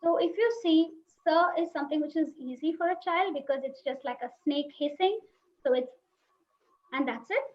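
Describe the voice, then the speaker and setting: High-voiced woman teaching phonics. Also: brisk, few pauses. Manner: explanatory, demonstrates sounds aloud, asks the audience questions. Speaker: teacher trainer. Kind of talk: webinar lecture. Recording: dull lo-fi webinar audio.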